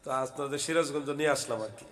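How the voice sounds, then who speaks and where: A hoarse man from Bangladesh, a preacher delivering a heated waz sermon at a religious gathering, often raising his voice. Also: mid-range voice, fast. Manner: loud, heated, swings into shouting. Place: outdoor religious gathering stage.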